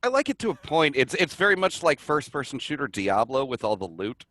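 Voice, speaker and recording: A man chatting as a guest on a video call, relaxed and laughing easily. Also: medium pitch, brisk, no room sound, low-quality recording. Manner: relaxed, laughs while talking. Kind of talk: casual video-call chat.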